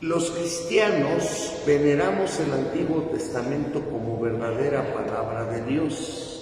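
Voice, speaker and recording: A man's voice: medium pitch, unhurried, a crowd in the background. A man with a Mexican accent, a priest giving a didactic catechetical talk to his congregation, emphatic and spelling words out for his listeners. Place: church or parish hall. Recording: echoey hall, voice far from the mic, faint background noise.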